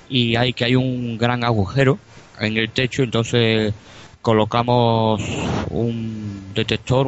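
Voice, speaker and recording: A man's voice: on the low side, muffled recording, slight background noise. A man, a paranormal investigator, talking casually on a radio show, with many hesitations, fillers and restarts.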